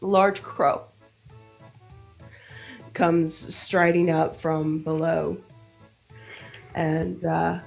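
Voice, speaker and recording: A woman's voice: low voice, flat delivery, drawn-out words, creaky, long pauses, a little mellow. Woman game master, faint music behind. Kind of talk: narrating a tabletop game in casual, descriptive speech.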